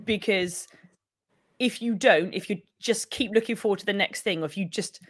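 A young woman co-hosting a podcast, with a croaky, husky voice, chatting and laughing as she rambles. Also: mid-range voice, moderate pace, dry recording, studio quality. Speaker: podcast co-host. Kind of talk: casual podcast chat.

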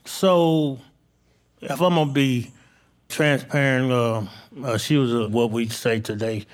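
A man from Arkansas, telling his story candidly and informally as a guest on stage, in halting phrases. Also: medium pitch, steady tone. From Arkansas, United States. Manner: plain-spoken, informal, halting. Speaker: interview guest, barbecue cook. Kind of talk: candid personal storytelling in a live interview. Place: on stage at a live show.

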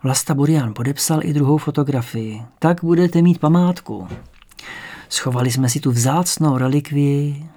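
Gravelly-voiced man reading a story. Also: medium pitch, darkish tone. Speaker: audiobook narrator. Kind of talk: scripted storytelling narration.

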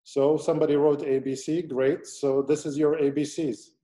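A man's voice: fairly high pitch, flat delivery, normal speed, dark tone. A man lecturing online as a surgeon, teaching step by step and taking questions from his audience.

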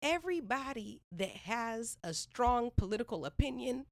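This woman, a Northern California playwright and professor, thinks aloud in a reflective podcast conversation, her speech full of restarts and the word "like." Her voice sits a little high and is very animated. She keeps a moderate pace.

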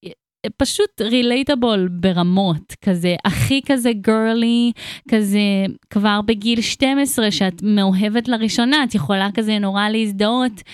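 Chatty young woman, smooth voice. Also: mid-range voice, no room sound, studio quality. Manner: chatty, filler-heavy slangy speech. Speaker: musician guest. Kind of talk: casual interview chat.

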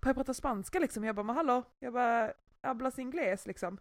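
A young woman chatting casually, telling a story with lively acted-out quotes. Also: fairly high pitch, dry recording, studio quality. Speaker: podcast co-host. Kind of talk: casual chat.

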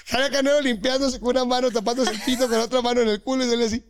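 Guest storyteller: young Mexican man, high voice, animated, acts out other people's lines with shouts. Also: racing, a crowd in the background. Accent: Mexican Spanish. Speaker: podcast guest. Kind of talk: casual storytelling chat.

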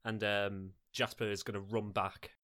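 A man's voice: on the low side, level tone, moderate pace, a bit bright, smooth. A man playing a tabletop game, describing his character's moves hesitantly with many fillers. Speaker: player.

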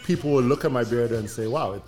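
A man with an average-pitched voice hosts a casual interview. He phrases things informally, with plenty of slang, while soft music plays in the background. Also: fast talker. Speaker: host asking questions. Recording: music behind the voice.

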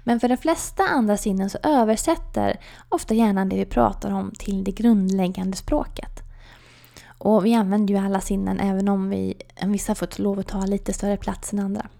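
A woman coach telling a personal story and explaining an idea in a calm storytelling way, with soft whispered asides. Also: medium pitch, vocal fry.

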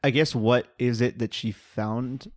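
A man's voice: medium pitch, fairly even intonation, measured pace. A man on a podcast panel giving opinions casually, often stopping to rephrase as he argues.

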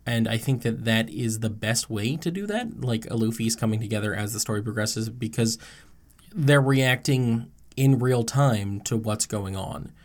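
A man co-hosting a casual podcast, talking in an animated, joking way with fillers. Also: on the low side, normal speed. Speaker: podcast co-host. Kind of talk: casual chat about tabletop characters.

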